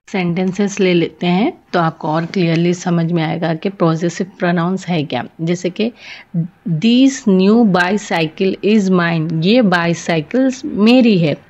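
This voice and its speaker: Woman teacher, slow and low-pitched, dull lo-fi recording. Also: a little mellow. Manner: reads English examples slowly, explains in Hindi-English mix. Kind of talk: grammar lesson explaining to viewers. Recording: dull lo-fi sound.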